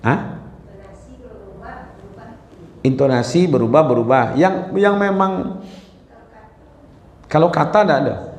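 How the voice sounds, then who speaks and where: A man's voice: a little high, takes it slowly, pauses often, darkish tone. A man giving an informal Quran lesson, talking conversationally, checking in with listeners and chanting short verses as examples. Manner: conversational, asks the audience "ya kan?" often. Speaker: Quran study teacher. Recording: roomy hall echo.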